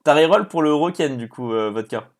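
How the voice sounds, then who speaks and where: A man streaming live and running a prize draw, chatting casually and excitably with his viewers by name. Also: fairly high pitch, brisk.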